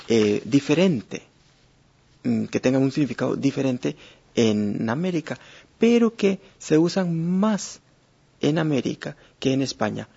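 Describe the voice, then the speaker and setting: A man teaching a lesson, speaking in a measured way with many hesitations and fillers. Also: medium pitch, vocal fry, dark tone, breathy edge. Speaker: Spanish teacher. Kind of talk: explanatory lesson. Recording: dull lo-fi recording.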